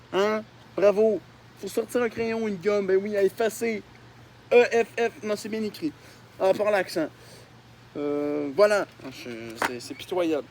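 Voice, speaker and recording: A young YouTuber with a Québécois accent and a high voice casually comments on drawings he made as a kid. He mocks himself, puts himself down, and swears a lot. There's slight background noise.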